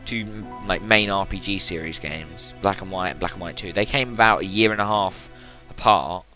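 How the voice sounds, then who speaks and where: Speaking at normal speed in a low-pitched voice, this let's play gamer is a young man chatting his way through a video game. His commentary rambles and keeps cutting itself off. Loud game music sits behind him.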